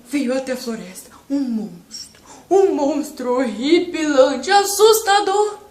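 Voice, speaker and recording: A woman's voice: animated, slow, darkish tone. Storybook lion king, male, dramatic and wailing, as a woman puts him on, echoey room. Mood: distressed. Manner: dramatic, wailing, rising high.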